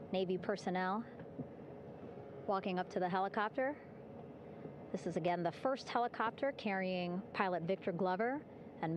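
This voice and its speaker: Upbeat female live commentator, conversational, mid-range voice, over noticeable background noise. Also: medium pitch. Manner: upbeat, chatty, warm-hearted narration with light laughs. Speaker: broadcast commentator.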